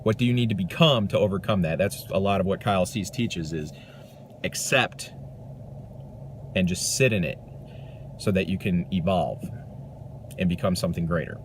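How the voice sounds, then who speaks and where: Earnest guy talking self-help to camera, low voice, rambly, bit of background hum. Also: normal speed, long pauses. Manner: earnest, reflective, rambling with restarts. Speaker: vlogger.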